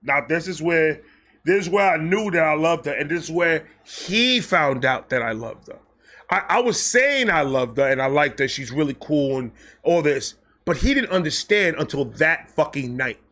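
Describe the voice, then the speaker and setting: Bright, forceful-voiced man telling a story. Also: fairly high pitch, moderate pace. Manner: animated, profane and self-mocking, with frequent restarts and repeated phrases. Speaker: storytime vlog host. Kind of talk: casual personal storytelling to camera.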